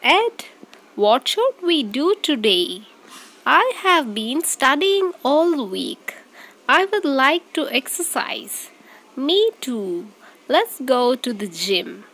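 A woman reading both parts of a short scripted English practice dialogue, clearly and evenly. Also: high-pitched, sing-song, slow, fairly bright tone. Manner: reads both parts of a short dialogue, repeated at varied speeds.

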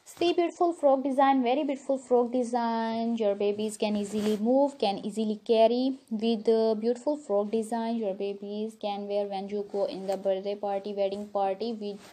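A woman's voice: a little high, warm tone. A woman narrating a showcase as a channel host, in effusive, repetitive phrasing.

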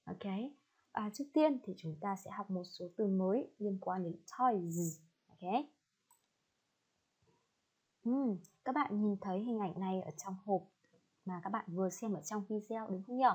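A woman's voice: medium pitch, unhurried, pauses often, darkish tone, husky. A woman from Vietnam teaching an online lesson to children, drilling each word patiently. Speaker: English teacher. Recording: slightly dull lo-fi recording.

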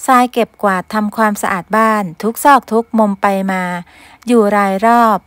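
A woman narrating a romantic story in an even storytelling manner, close to the mic. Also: on the high side, moderate pace, no echo.

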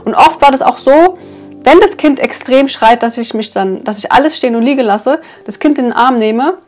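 Woman vlogger, higher voice, casual and earnest, plenty of hesitant fillers. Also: moderate pace, darkish tone, faint music behind. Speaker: parenting vlogger reviewing a book. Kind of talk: casual explanatory talk to viewers.

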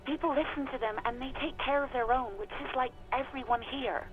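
An anxious young woman in a video game, high-voiced and hesitant. She sounds resigned and put-upon, squeezed through a tinny, narrow radio line with faint music behind. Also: brisk. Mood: guarded. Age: young adult. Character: anxious, exasperated young woman, reluctant local worker. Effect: radio receiver filter.

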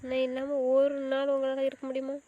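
A woman's voice: sits high, completely flat delivery, a little fast, mellow, muffled recording, natural voice. A woman playing a hurt young wife in an amateur drama, scolding and insisting. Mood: angry. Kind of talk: amateur web drama acting.

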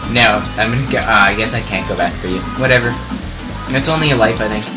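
A man's voice: fairly low pitch, quick pace, low-quality recording. A young man in casual let's play commentary, chatting easily and explaining the game as he plays. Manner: easygoing, chatty, explaining moves. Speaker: gaming co-commentator. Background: game music.

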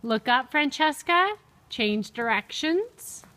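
A woman working as a riding instructor, calling out brisk, projected commands as she coaches a lesson in a large indoor arena. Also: sits high, expressive, sharp tone.

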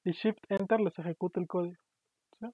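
A university lecturer with a high, steady voice talks fairly quickly in an online programming lecture, explaining patiently and regularly checking on his students. The background is noisy, and the audio itself is tinny, dry and phone-like.

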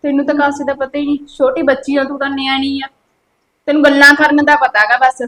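A woman's voice: high voice, little pitch movement, fairly quick, fairly bright tone. An actress playing a stern sister-in-law who scolds her young relative, speaking with a Punjabi accent. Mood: scolding. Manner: reproachful, scolding. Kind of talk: village web-series drama.

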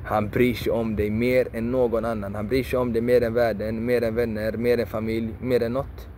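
A man preaching with fierce repetition, hammering the same words again and again with the odd curse thrown in. He speaks at a middling pitch, and faint traffic hums behind him outdoors. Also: little pitch movement, darkish tone. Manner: repetitive, emphatic, preachy, swears for emphasis. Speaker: video creator. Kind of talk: passionate motivational monologue.

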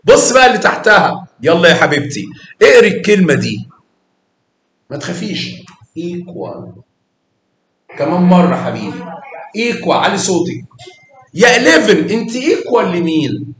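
A man's voice: high-pitched, fairly bright tone, echoey room. A man with an Egyptian Arabic accent teaching math to young children, coaxing and quizzing them with praise.

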